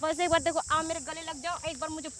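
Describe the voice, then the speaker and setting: A woman's voice: high voice, fairly even intonation, fast, background noise, close to an everyday voice. A woman playing a pushy coaxing flirt. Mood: pleading. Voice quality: coaxing, pleading. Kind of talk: comedy prank sketch.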